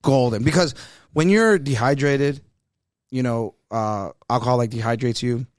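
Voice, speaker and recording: A man's voice: medium pitch, normal speed, no echo, clean studio sound. A man hosting a podcast, chatting casually in a rambling, slangy way. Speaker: podcast host. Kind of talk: casual chat.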